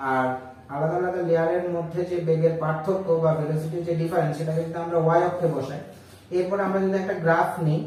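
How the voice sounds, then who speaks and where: A man's voice: sits high, warm tone. A man teaching physics to students, explaining step by step and asking rhetorical questions before answering them. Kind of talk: board lesson explanation. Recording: echoey room heard from a distance with faint noise.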